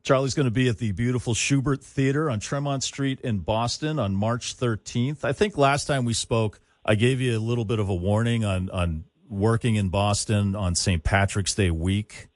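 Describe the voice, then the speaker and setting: Guy hosting a radio chat, kinda low voice, real dry studio sound, casual. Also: moderate pace, hardly any pauses, no room sound. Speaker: radio interviewer, host.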